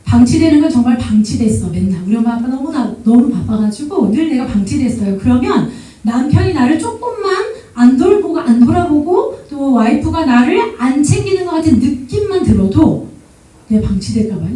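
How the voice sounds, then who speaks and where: Woman, high voice, guest lecturer at church, lively storytelling, echoey hall, distant mic. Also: fairly quick. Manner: lively storytelling, often laughing and acting out quotes. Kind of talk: church seminar talk.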